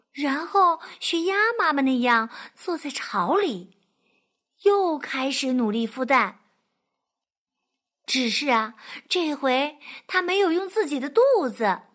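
A woman reading a children's picture book aloud in a lively, expressive way. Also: sits high. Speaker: storyteller.

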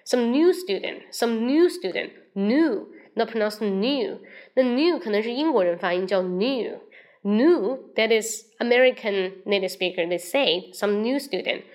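On a relaxed livestream, a woman from China gives an English lesson, mixing Chinese and English and slowly sounding out words again. She talks straight to her viewers, encourages questions, and speaks at a medium pitch.

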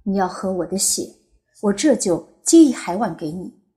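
A woman's voice: medium pitch, expressive, normal speed, warm tone, faint music behind, natural voice. A woman voicing an eager grown man courting a woman, pleading and easily flustered, in an audiobook. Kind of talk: audiobook character voice.

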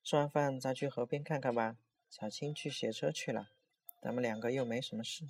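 A man's voice: mid-range voice, steady tone, a little fast, husky. A man voicing a cheerful, goofy young female college student in a spoken horror story, with a breezy, playful way of talking.

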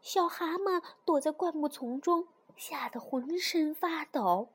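A woman reading a children's story aloud in an expressive, sing-song way. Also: high-pitched, slow.

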